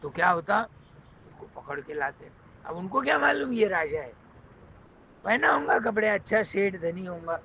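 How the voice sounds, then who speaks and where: A man telling a moral folk tale in a lively, conversational way, often repeating phrases. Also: high voice, slight background noise, low-quality recording. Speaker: storyteller.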